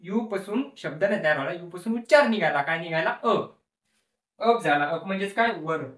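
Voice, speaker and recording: A man's voice: high-pitched, lively intonation, brisk, fairly bright tone, recorded from a distance. Man teaching in an echoey room, repeating each word. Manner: repeats words many times, asks questions and answers them himself. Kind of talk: classroom-style lesson explanation.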